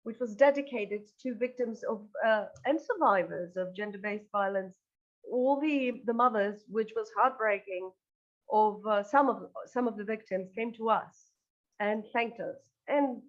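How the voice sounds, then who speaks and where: This medium-pitched woman speaks at a measured pace in lo-fi audio. A band singer and lyricist from northern Greece, she answers interview questions earnestly, hesitating and repeating words as she goes.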